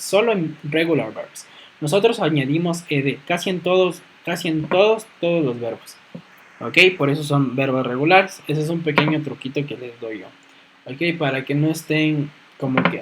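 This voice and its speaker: A man teaching a grammar lesson, who checks in with a questioning "ok?" after almost every phrase and slowly repeats words to show their stress. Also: on the high side, a little hiss or hum, rough recording. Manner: clears throat now and then. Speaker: English teacher. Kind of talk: explaining grammar rules in a lesson.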